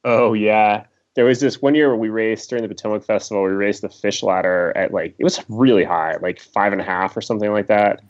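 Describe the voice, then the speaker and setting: Low voiced kayak guy telling a story, kinda muffled audio. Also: a little fast, hardly any pauses, no room sound. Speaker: kayaker guest. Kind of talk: casual storytelling.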